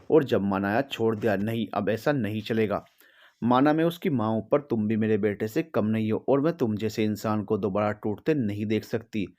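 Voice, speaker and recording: A stern, loving middle-aged mother, read by a man with a fairly low voice. She speaks earnestly, pleads, and scolds firmly in a storybook reading. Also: a little mellow, lightly acted.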